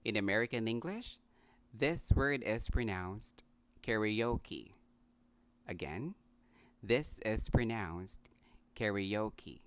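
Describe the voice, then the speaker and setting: A man with a Filipino accent teaching English pronunciation, repeating each word deliberately and slipping in Tagalog phrases. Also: on the low side, expressive. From Philippines. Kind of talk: pronunciation lesson.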